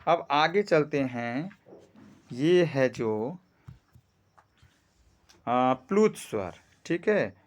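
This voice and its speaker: A man's voice: medium pitch, expressive. A man teaching a grammar lesson, explaining step by step, often checking in with "theek hai" and stretching vowels to demonstrate sounds. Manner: explains slowly with frequent "ठीक है" checks.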